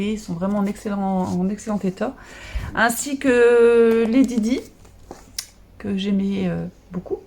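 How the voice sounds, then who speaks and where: A woman vlogger chatting casually about her latest books, hesitant with many pauses and fillers. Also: medium pitch, a little mellow. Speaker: book vlogger. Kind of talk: casual chat showing books.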